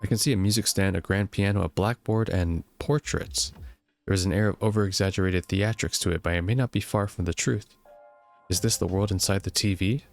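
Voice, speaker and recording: A young man with a low, deep voice reads a game's story text aloud at a steady pace. He occasionally trips over words and jokes about it, with faint game music in the background. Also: fairly quick. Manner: steady reading, jokes about own slips. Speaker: gameplay narrator.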